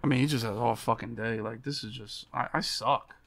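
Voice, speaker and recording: A man's voice: medium pitch, steady tone, brisk, fairly bright tone, no echo. An American man in his thirties doing live gameplay commentary as a streamer, with a frustrated, swearing manner. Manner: frustrated, profane griping. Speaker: video game streamer. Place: small indoor streaming room with monitors.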